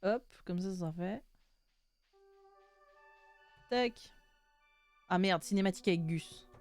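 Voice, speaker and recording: A woman's voice: lowish voice, slow, darkish tone, soft background music. A young woman chatting casually and jokingly while playing a video game, reading its text aloud. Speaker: gaming streamer. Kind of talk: casual let's-play chat.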